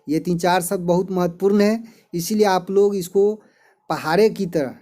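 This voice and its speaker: A middle-aged male teacher explaining a lesson slowly, repeating word forms like a drill. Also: sits high, warm tone. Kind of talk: explaining an English lesson in Hindi.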